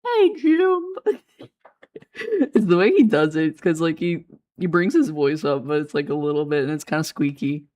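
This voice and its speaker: A woman's voice: deep voice, fairly quick, darkish tone. A woman streaming a game, chatting in a playful, rambling way and laughing often. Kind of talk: casual game stream chat.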